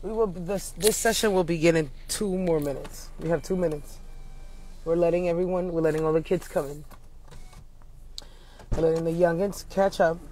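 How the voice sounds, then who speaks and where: A playful man with a notably high voice, chatting casually on a livestream about astrology. He jokes around, slips into a mock flight-announcer tone, and speaks into a phone mic, with faint background noise around him. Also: steady tone, moderate pace, pauses often, a little mellow.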